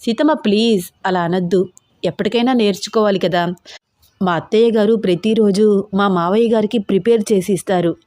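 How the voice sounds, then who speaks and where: A young wife in her twenties, pleading and coaxing with a pouty sweetness, as a woman acts her out. Her pitch sits in the middle. The sound is dry and close to the mic. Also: fairly quick, warm tone, no room sound, close to an everyday voice. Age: 20s.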